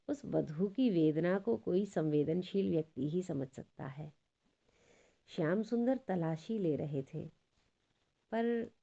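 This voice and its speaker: A woman narrating a devotional story in an expressive reading. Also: on the low side, gravelly, dull audio.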